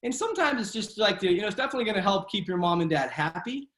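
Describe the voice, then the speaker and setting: A man's voice: high-pitched, expressive, racing, a bit bright. A man coaching a children's martial arts class in a casual, encouraging way, often checking in with a tagged "right?". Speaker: kids' martial arts instructor. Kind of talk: upbeat class coaching and discussion. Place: online video class run from home.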